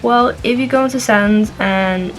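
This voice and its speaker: A woman's voice: medium pitch, moderate pace, low-quality recording. Young woman chatting over background music. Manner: informal, chatty asides. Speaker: vlogger. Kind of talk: casual tutorial chat. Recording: music playing behind the voice.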